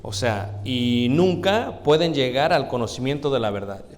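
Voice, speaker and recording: A man's voice: medium pitch, animated, normal speed. A man from Mexico, preaching a conversational sermon and speaking directly to the congregation as his brothers, asking them questions. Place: church sanctuary. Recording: long hall reverb in a church.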